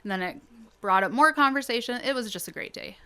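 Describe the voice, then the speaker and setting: A woman's voice: on the high side, expressive, fast, sharp tone, clear, resonant tone. A woman, a college instructor, giving an upbeat, cheerful radio interview in a studio. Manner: upbeat, cheerful, answers readily.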